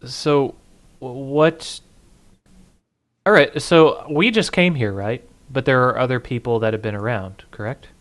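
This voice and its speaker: A man's voice: mid-range voice, unhurried, a bit bright. A man playing in a tabletop game, asking questions and joking hesitantly. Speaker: player.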